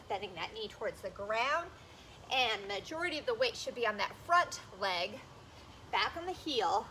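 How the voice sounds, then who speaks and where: Female workout coach, energetic cueing and counting, high bright voice, some background noise. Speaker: fitness instructor. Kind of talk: workout instruction.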